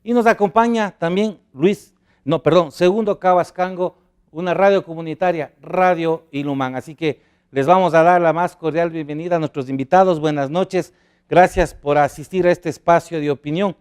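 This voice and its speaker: Hosting a TV panel, this man uses a fairly high, slightly mellow voice at normal speed, recorded cleanly. His manner is formal and welcoming as he brings on guests and puts questions to them, and at one point he trips over a name.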